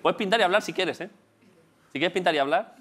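A man's voice: high voice, fairly quick, fairly bright tone. A man hosting a talk show, teasing his guests in casual, joking chat. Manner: playful, teasing, stumbles and restarts.

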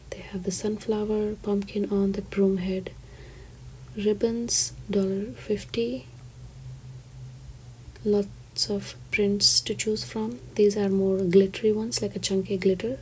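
A woman giving a soft, half-whispered walkthrough of store items for her shopping vlog, listing each item and its price. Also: mid-range voice, a little hiss or hum. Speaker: shopping vlogger. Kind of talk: shop-with-me voice-over.

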